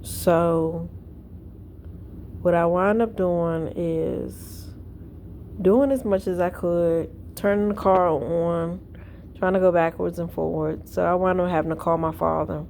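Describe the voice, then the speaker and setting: A woman's voice: lowish voice, fairly even intonation, takes it slowly, gravelly, darkish tone, a little hiss or hum. A woman vlogging from home in casual chat, tired and yawning, telling a rambling story. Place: at home indoors.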